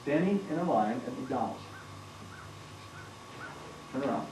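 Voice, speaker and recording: A man's voice: medium pitch, animated, a little slow, noisy background. A man teaching a martial arts seminar, explaining moves while demonstrating on a partner and often asking the class questions. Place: training hall. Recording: roomy 1990s camcorder audio from far off.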